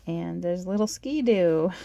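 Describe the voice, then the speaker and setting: Woman, hoarse, heavy vocal fry, mellow dark tone, chatty show-and-tell. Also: on the low side, takes it slowly, muffled recording. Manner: chatty, gushing, with little laughs. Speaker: toy collector channel host. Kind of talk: casual show-and-tell of a toy catalog.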